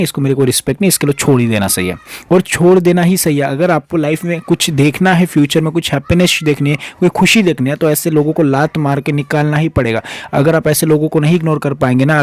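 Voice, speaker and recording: Indian guy coaching on relationships, rapid and emphatic, kinda high voice. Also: darkish tone, dry recording. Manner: emphatic, repetitive, acts out pleading quotes. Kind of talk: motivational advice monologue.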